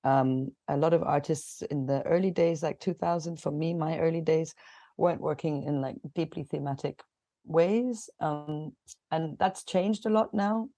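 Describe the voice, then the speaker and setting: Woman in her forties, low, mellow, dry close mic, chatty with fillers. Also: steady tone, unhurried, no room sound. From Kenya. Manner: chatty, laughs often, many fillers and restarts. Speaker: guest artist. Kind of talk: casual interview.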